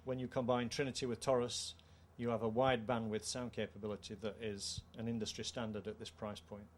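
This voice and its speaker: Holding a handheld mic in an indoor trade show room, a middle-aged British co-founder explains his product's technical features in a measured, formal manner for an interview. His voice is lowish and shows little pitch movement, while the room's background noise comes through clearly.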